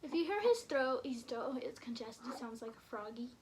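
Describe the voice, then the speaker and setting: A woman's voice: a little high, lively intonation, moderate pace, a little hiss or hum. A young woman, a new mother, chatting casually and a little emotionally in a vlog while eating. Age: young adult. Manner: chatty, giggly, a bit emotional. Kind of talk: casual chat over a mukbang.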